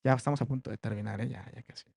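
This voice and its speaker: A man's voice: medium pitch, steady tone, very fast, vocal fry, a little mellow, slightly rough, no echo, clean studio sound. A man giving a classroom research presentation, talking conversationally with many fillers and tag questions.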